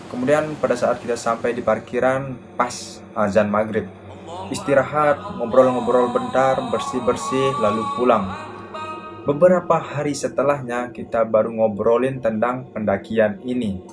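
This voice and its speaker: Casual male horror storyteller. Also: medium pitch. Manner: casual, slangy first-person retelling.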